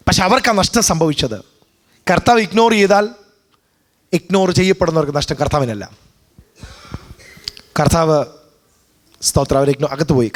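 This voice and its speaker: A man preaching a sermon as pastor, with a Malayali accent, switching between two languages and punctuating his points with hallelujahs and amens. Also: sits high. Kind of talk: bilingual sermon.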